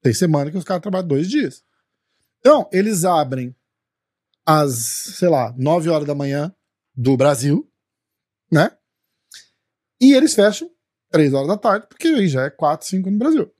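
Brazilian man, husky voice, fairly high pitch, dry studio sound, profane animated storytelling. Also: moderate pace, long pauses, no echo. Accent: Brazilian Portuguese. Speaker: podcast host. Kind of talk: casual storytelling chat.

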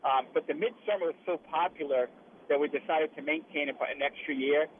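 Calling in from a truck as it travels, a man who represents a liquor brand talks casually as a radio guest. His voice sits on the high side and moves fairly quickly, heard through a tinny phone connection with clear noise and truck cab background.

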